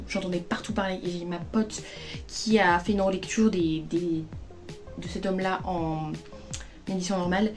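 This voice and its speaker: A woman casually chatting through a book haul on her phone, rambling with lots of fillers and sounding overheated. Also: fairly low pitch. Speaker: book vlogger. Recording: phone recording with faint music.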